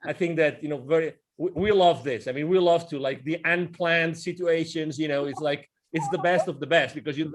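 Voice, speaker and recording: A man's voice: fairly high pitch, a little fast, hardly any pauses. A man co-hosting a casual interview, rambling and enthusiastic, often repeating words. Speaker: podcast co-host.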